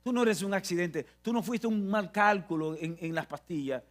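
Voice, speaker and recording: A man's voice: high-pitched, moderate pace, soft background music. A man with a Dominican Spanish accent preaching a sermon, emphatic and repetitive, often restarting his phrases.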